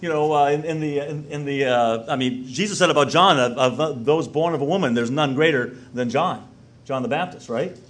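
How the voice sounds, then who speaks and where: A middle-aged man preaching a conversational sermon. He rambles with many restarts and fillers and grows louder and more urgent when he exhorts. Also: fairly high pitch, moderate pace.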